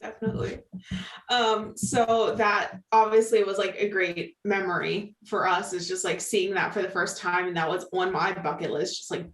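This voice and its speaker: A young woman hosts a podcast and interviews her mother in a relaxed way, using "like" often. She sounds set back from the microphone. The room has a clear echo. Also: mid-range voice, normal speed. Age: young adult. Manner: casual, many "like" fillers. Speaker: podcast host. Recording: echoey room, distant mic.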